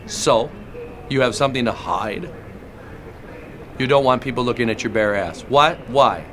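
A pushy airport security guard who grills travelers with heavy sarcasm and a mock-official tone, as a male comedian plays him. His voice sits at an ordinary middle pitch for a man and sounds like everyday speech. He talks in a leering, interrogating comic style. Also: a little slow, a bit bright, lightly acted. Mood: sarcastic. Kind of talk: comedic character monologue.

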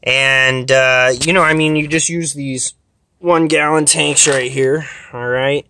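A man in his thirties offers casual camping gear advice into a handheld camera at a campsite, speaking chattily and plainly with many "uh" and "um" fillers. His medium-pitched voice is steady, slow, pushed and bright, with a little hiss or hum in the recording.

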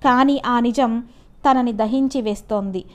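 A woman's voice: fairly high pitch, measured pace, darkish tone. A woman lecturer with an Andhra Telugu accent, reading a story aloud and explaining it, lifting her voice for the characters' lines. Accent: Telugu regional (Andhra).

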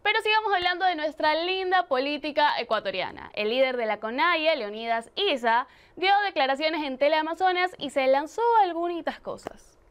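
A woman's voice: high-pitched, normal speed, hardly any pauses, fairly bright tone. A young woman presenting a satirical student news show in a studio, playful and sarcastic, on a lapel mic. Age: young adult. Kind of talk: scripted satirical news reading.

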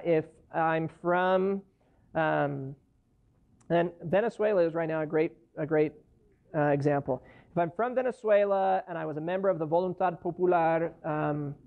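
A gravelly, slightly high-voiced immigration lawyer gives a guest lecture at a lectern in a university hall. He speaks conversationally, using worked case examples, and a camera far across the room records it with dull, lo-fi quality.

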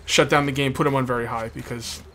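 Over video game ambience and background noise, a let's play host offers loose, rambling commentary, repeating himself and speaking with a sore tongue from biting it. His mid-range voice holds a steady tone at a quick pace and sounds pushed and bright.

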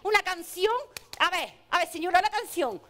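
Woman playing a fussy, very high-voiced cleaning lady. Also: lively intonation, moderate pace, a bit bright. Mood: coaxing. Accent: Andalusian Spanish. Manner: bossy, fussing, repeats herself. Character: fussy, chatty female park cleaner. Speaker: stage actor. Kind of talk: live comic stage acting. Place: outdoor garden stage.

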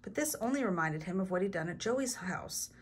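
Animated woman reading a picture book. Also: fairly low pitch, brisk, slightly rough. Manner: animated, asks listeners questions. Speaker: teacher reading to children.

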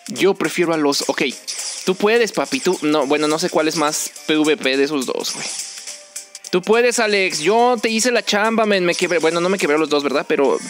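Young Mexican male streamer, teasing and excitable, high pitched, clear game music underneath. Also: normal speed. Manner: joking, excitable, teasing teammates. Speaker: gaming streamer. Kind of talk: casual gameplay commentary.

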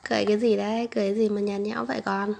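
A young woman, hoarse from a flu, coaxing her baby and chatting to viewers in a casual home vlog. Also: medium pitch, flat delivery, very fast, a little mellow, slight background noise. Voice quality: gravelly, husky voice. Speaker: mother vlogging with her baby. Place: home bedroom, on the bed.

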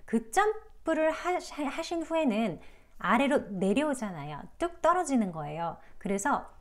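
A woman's voice: a little high, sing-song, measured pace. Patient woman teaching pronunciation. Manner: patient, demonstrative, polite and encouraging. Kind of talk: online phonics lesson.

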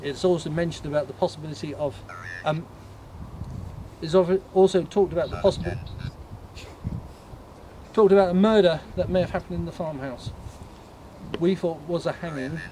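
Man, higher-pitched voice, ghost tour guide, informal, halting, matter-of-fact, noisy night recording. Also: dark tone. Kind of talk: informal explanatory talk to a tour group. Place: on a night walking tour, in the dark.

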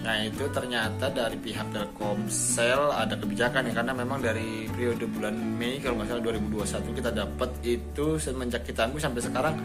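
A man in his thirties talks to his viewers like mates in a casual vlog. His voice sits at a middling pitch. Loud guitar music plays behind him as he speaks. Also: fairly even intonation, quick pace, hardly any pauses. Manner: informal, repeatedly addressing viewers as bro. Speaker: vlogger. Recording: music under the voice.

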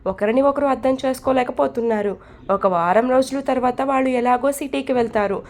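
A calm older grandmother from a storybook, as a woman narrator puts her on, speaking in a soothing, comforting way. The voice sits high and light. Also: brisk. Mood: reassuring.

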